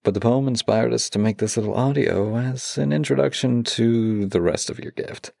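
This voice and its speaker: A male voice actor addresses a loved one in a close-miked audio roleplay, soft, affectionate and a little teasing. His voice is medium-pitched and creaky, at normal speed, with no echo.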